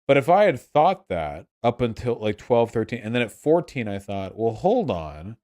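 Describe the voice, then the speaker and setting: A young livestream host answers his chat in a casual ramble, sounding drunk as he repeats and restarts phrases. His medium-pitched voice swings widely in pitch, with a moderate pace and a darkish tone.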